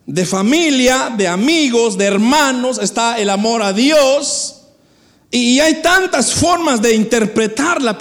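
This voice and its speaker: Very high-voiced male preacher. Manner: explanatory, addresses congregation directly; repeats words as he restarts. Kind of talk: sermon.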